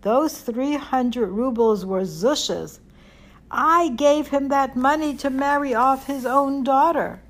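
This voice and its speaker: A woman voicing a wise, kindly older male teacher in a storybook, speaking warmly and seriously. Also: sits high, slow, pitched above the performer's own voice, poor audio. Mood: earnest. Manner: calm, fond, serious.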